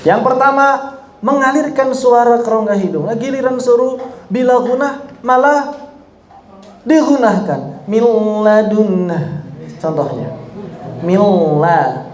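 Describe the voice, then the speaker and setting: A man teaching Quran recitation rules, explaining each rule and then slowly demonstrating phrases for students to repeat, correcting common mistakes. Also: very high-pitched, expressive, reverberant. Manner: drills slow example phrases for students to repeat. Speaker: tajwid teacher.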